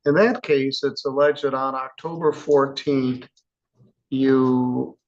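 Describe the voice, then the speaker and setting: A man presiding as a judge in a courtroom, speaking in a measured, plainspoken way with casual asides. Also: mid-range voice, lo-fi sound. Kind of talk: courtroom proceedings.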